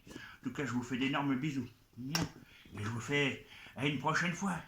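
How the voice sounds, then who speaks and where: A man's voice: medium pitch, unhurried. A man performing a playful live comic show for children, coaxing and talking straight to the young audience. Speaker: children's entertainer playing a goblin expert. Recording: echoey live venue with background noise.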